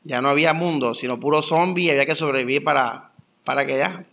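Bright-voiced coastal preacher man. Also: on the high side, quick pace, gravelly. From Colombia. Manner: animated storytelling with rhetorical questions. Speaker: pastor. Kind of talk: conversational sermon.

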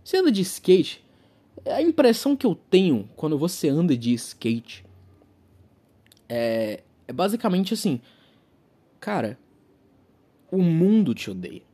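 Husky young Brazilian man, lively swearing comic rant. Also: on the high side, measured pace, long pauses. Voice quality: profane, ranting.

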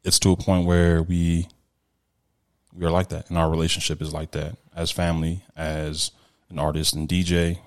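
A man with a very low voice speaks sincerely and at length, stopping and restarting as he looks for the words. The tone stays conversational and unhurried. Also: level tone. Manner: earnest, halting with restarts. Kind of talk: casual interview chat.

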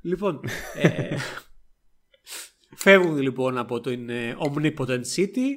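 A man with a Greek accent, co-hosting a podcast and recapping a film in a casual, animated way. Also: mid-range voice. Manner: lively storytelling recap with frequent laughs. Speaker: podcast co-host.

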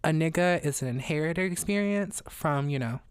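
A young adult woman talking casually on a podcast, animated and slangy, laughing often. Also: sits low, moderate pace, clean tone, dry recording, studio quality. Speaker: podcast guest.

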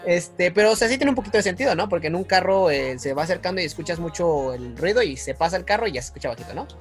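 A young man, telling a story in casual chat, animated, with frequent laughs and restarts. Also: high voice, rapid-fire, soft background music. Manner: animated, laughs often, many fillers and restarts.

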